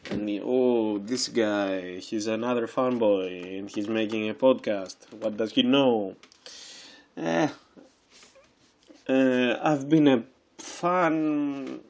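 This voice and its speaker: A man's voice: fairly low pitch, darkish tone. A man in his twenties from Greece, hosting a casual solo podcast, who talks with many fillers and restarts. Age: 20s. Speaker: podcast host.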